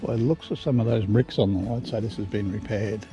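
A man's voice: on the low side, fairly even intonation, fast talker, dull audio, over music. A middle-aged Australian man outdoors, chatting and admiring the sights as he walks and films. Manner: chatty, admiring commentary while walking. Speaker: vlog host. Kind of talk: walking vlog commentary. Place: outdoors on village lanes and woodland paths.

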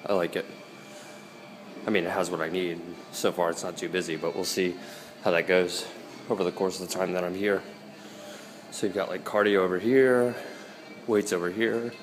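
A young dog trainer vlogger with a low voice films a casual vlog on a handheld camera, its mic giving poor audio. Moving between a gym, a park and home, he coaches a frisbee throw and chats to his dogs.

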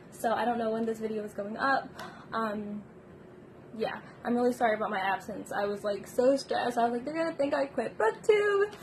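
Here a young woman vlogs about books from her small bedroom, phone held out at arm's length as she rambles, giggles and leans on fillers. The voice runs on the high side, and the rough recording carries slight background noise.

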